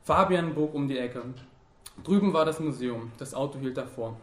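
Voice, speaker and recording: A man's voice: medium pitch, normal speed. Grave male audiobook narrator, roomy sound. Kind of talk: scripted narration.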